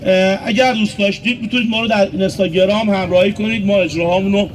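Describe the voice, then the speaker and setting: Out on a street with loud music playing, this Isfahan man keeps a steady, high voice as he playfully coaxes his puppets and speaks directly to onlookers in a comic show. Slight background noise is present.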